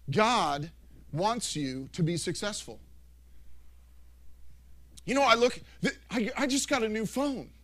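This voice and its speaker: A middle-aged man preaching a sermon through animated stories, with frequent restarts and self-corrections. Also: very high voice. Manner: rambling, animated storytelling with many restarts. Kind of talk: anecdotal sermon.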